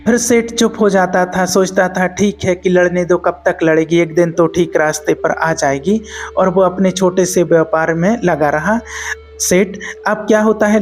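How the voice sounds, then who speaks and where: A man giving a spiritual discourse, telling a moral story in a measured, repetitive way. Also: high voice. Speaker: spiritual preacher.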